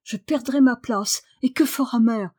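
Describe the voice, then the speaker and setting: A woman's voice: on the high side, moderate pace, dark tone, lightly acted. A woman voicing a fretful young housemaid, worried and pleading.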